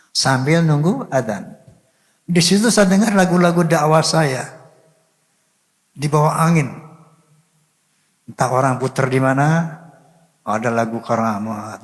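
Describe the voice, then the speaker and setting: Older devout man, echoing hall. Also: medium pitch. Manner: devout, full of religious phrases; earnest, sometimes drops to a soft murmur. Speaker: guest telling a personal story. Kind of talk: emotional storytelling. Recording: long hall reverb.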